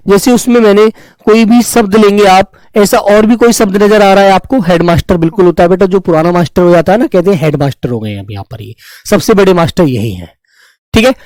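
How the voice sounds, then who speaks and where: A man with a high voice teaches grammar to an online class, repeating each term slowly and calling his students dear children. He stops to answer viewers' comments. The sound is dry and close. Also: a little mellow, no room sound, low-quality recording. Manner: addresses students fondly as children, repeats terms.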